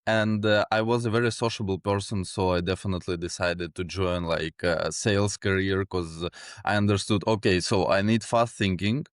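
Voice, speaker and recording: A man in his twenties from Ukraine, a guest in a casual interview, talking in a relaxed way with many fillers and small chuckles. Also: deep voice, normal speed, no room sound, clean studio sound. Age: 20s. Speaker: guest, sales executive.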